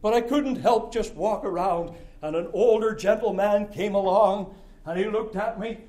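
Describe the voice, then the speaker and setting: A middle-aged man from Scotia, preaching a sermon, emphatic and rhythmic, swinging from loud declarations to quiet asides. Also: sits high, normal speed. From Nova Scotia, Canada.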